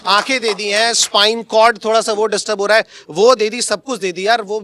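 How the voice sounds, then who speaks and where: A man's voice: high voice, steady tone, brisk, bright, forceful tone, no echo. A young man, a coaching teacher, chatting casually and teasing his colleagues with frequent laughs. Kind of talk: casual joking chat among colleagues.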